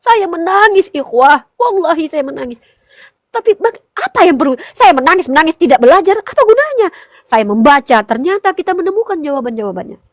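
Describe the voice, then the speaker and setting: Woman, religious speaker, high fervent voice, dry close sound, passionate exhortation. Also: big pitch swings, a little fast, dry recording. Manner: fervent, pleading, rising to emotional peaks; addresses listeners as brothers in faith.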